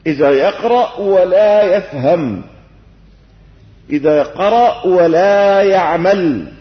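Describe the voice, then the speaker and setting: An older sheikh with a Damascene accent gives a homely sermon lesson, peppering it with rhetorical questions and a gentle, teasing humor. His voice sits high for a man. It comes through a long, echoing hall on a dull, lo-fi old tape. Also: slow. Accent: Syrian Arabic, Damascene. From Syria. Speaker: sheikh giving Quran commentary.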